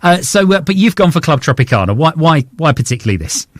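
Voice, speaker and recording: A man's voice: a little high, big pitch swings, quick pace, no room sound, studio quality. A man hosting a radio interview in a chatty, casual way, often restarting his sentences. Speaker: radio show host. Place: radio studio.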